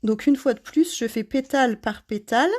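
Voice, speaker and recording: A woman's voice: fairly high pitch, normal speed, a little mellow. A woman hosting a casual craft tutorial, chatting to her viewers by name and laughing at herself.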